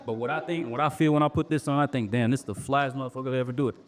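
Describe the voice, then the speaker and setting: Fast-talking, self-assured man. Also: mid-range voice. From born in Dallas, raised in Cincinnati. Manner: fast, confident, repeats himself when pushed. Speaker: podcast guest, artist. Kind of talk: casual podcast conversation.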